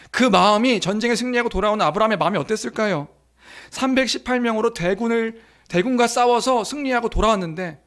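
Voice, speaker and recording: Male pastor, high voice, sermon style. Quizzes the congregation and acts out quotes with growing force. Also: a bit bright. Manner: asks the congregation questions, acts out quoted blessings with rising force.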